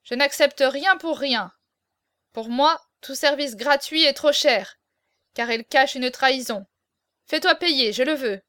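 A woman's voice: sits high, moderate pace, dry recording, studio quality. Cold scheming prince, read by a woman. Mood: commanding. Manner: curt, imperious, louder than the narration. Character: scheming commanding nobleman prince, middle-aged man. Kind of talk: audiobook character reading.

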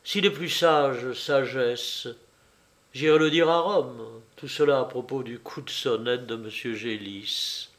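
A man reading a literary novel aloud in a measured, wry and reflective storytelling manner. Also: medium pitch, a bit bright. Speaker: audiobook reader. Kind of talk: literary audiobook narration.

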